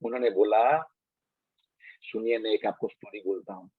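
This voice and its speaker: A man's voice: fairly low pitch, normal speed, breathy edge, no echo. A monk preacher telling a story in a sermon, asking the audience questions as he goes. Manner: animated, asks the audience questions. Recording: tinny phone-like dry sound.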